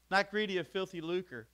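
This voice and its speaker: A man's voice: sits high, sharp tone. A man preaching a sermon as pastor in a church, with rhetorical questions and joking asides. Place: church sanctuary.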